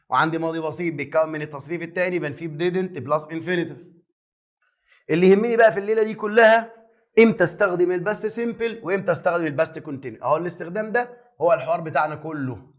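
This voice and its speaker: A fast-talking man with a high, quick voice and an Egyptian Arabic accent runs through an exam review lesson. He is lively and teasing, firing questions at his students and answering them himself. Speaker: English teacher.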